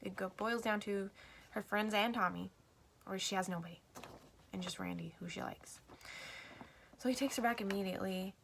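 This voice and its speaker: A woman chatting casually through a film recap in a valley girl manner, with vocal fry and lots of "like" and acted-out quotes. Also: medium pitch, moderate pace, long pauses, a bit bright, a little hiss or hum. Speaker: movie reviewer retelling a film.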